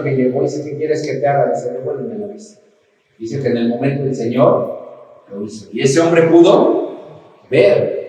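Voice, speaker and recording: A man from Mexico preaches a sermon in a church hall, his fairly high voice lifting into fervent emphasis. The sound carries strong echo from the room. He stands some way back from the microphone. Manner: impassioned preaching, rising to shouts in quoted cries. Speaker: pastor. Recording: echoey church hall, mic at a distance.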